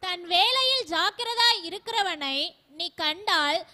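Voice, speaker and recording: A woman in a church reading a scripture verse aloud slowly and carefully. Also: extremely high pitch, expressive, sharp tone. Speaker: scripture reader.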